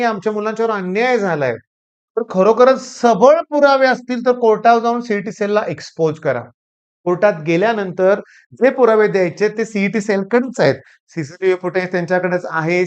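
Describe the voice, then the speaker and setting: A male teacher with a Marathi accent speaks emphatically to his students, returning again and again to the same catchphrases. His voice is smooth and clear. The recording sounds a little dull. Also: sits high. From Maharashtra. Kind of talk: talking to camera.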